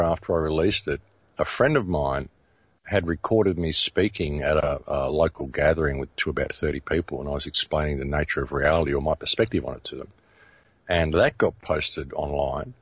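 A man's voice: extremely low pitch, normal speed, slightly rough, no echo, highs cut off. A middle-aged Australian man, a radio host, telling his story in a casual interview with many restarts and fillers.

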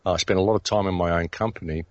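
A man's voice: low voice, fairly even intonation, racing, no echo, highs cut off. A middle-aged Australian man, a radio host, telling his story in a casual interview with many restarts and fillers.

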